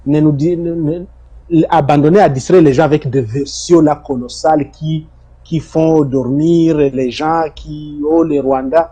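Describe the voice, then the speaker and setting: Middle-aged man, dark husky tone, emphatic interview guest. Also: fairly high pitch, steady tone, unhurried. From Congo (DRC). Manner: emphatic, repeats words and phrases. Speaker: interview guest, former detainee. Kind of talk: testimonial interview.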